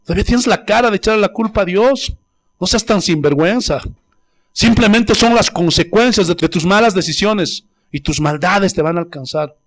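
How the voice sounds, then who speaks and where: A man from Bolivia preaching a sermon as pastor, emphatic and exhorting, with swings from loud to low and drawn-out stressed words. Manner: emphatic preaching, repeats "Gloria a Dios".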